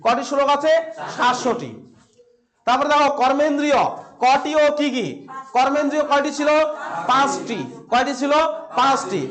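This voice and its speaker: A male teacher with a West Bengal Bengali accent and a strikingly high voice leads a filmed classroom lesson. He fires questions at his students and repeats each answer for them to remember. He keeps it light with playful asides. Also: a bit bright. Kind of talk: classroom exam-prep lesson.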